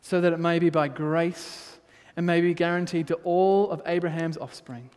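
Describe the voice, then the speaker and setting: A man's voice: fairly high pitch, fairly even intonation, normal speed, a little mellow, smooth. A man preaching a sermon as pastor, reading scripture aloud and then pressing his points with rising emphasis. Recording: long hall reverb.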